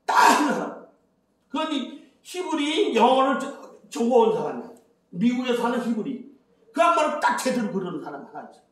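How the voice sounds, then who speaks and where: A man's voice: very high-pitched, very animated, normal speed, fairly bright tone. An older man giving a rambling Bible lecture as a preacher, chatty, counting and repeating phrases. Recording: very echoey, from far off the mic.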